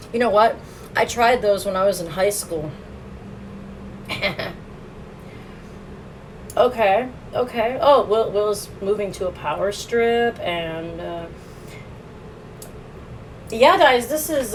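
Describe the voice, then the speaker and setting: A woman's voice: mid-range voice, slight background noise, rough recording. Chatty woman live-streaming a food review. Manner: chatty, laughs often, talks while eating. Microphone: phone.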